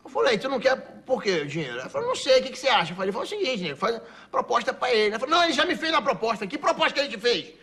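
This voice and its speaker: A man's voice: very high voice, sing-song, very fast, sharp tone. A man telling comic stories in an interview, laughing at his own jokes as he rambles toward each punchline.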